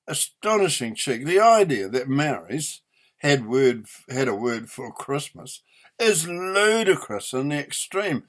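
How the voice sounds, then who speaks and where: An opinionated vlogger, an older man in his eighties with a New Zealand accent, rants off the cuff in a mid-range, slightly bright voice. He's indignant, emphatic and sweary, leaning hard on the stressed words in his unscripted tirade.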